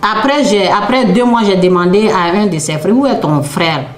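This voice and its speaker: A woman's voice: mid-range voice, normal speed, reverberant. A woman, preaching a conversational testimony that tells a story, repeats phrases and tags her lines with "là" and "hein".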